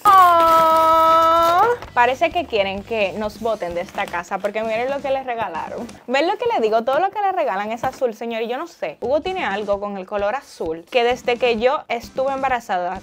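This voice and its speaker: A woman's voice: fairly high pitch, lively intonation, brisk, few pauses, a little hiss or hum. A woman, chatting casually in a vlog as a mother. She gushes and squeals over cute things and drops English words into her speech. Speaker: mother unboxing birthday gifts.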